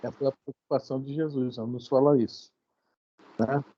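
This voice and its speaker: A man's voice: medium pitch, fairly even intonation, normal speed, mellow, no room sound, muffled recording. A man with a Brazilian Portuguese accent leading a religious study group, commenting casually and rambling a little between thoughts. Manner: conversational, rambling with fillers.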